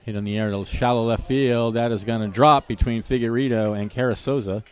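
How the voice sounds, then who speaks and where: A man calling live baseball play-by-play, steady and relaxed, with jokey asides between pitches. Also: brisk, clean tone, faint music behind.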